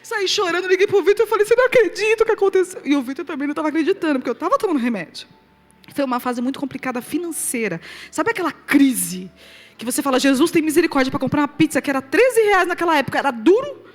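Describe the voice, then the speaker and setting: A Brazilian woman with a high voice and a Brazilian Portuguese accent gives a lively testimony from the pulpit. Her story rises to loud, high exclamations and drops to soft, quiet asides. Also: quick pace. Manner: animated storyteller, swings loud and soft, laughs along. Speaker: preacher. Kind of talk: testimony to a live audience.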